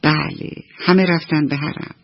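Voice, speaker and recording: A woman storyteller narrating a children's bedtime story on the radio in an expressive, storytelling manner. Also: low voice, husky, no room sound. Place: radio studio. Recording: dull dry old radio recording.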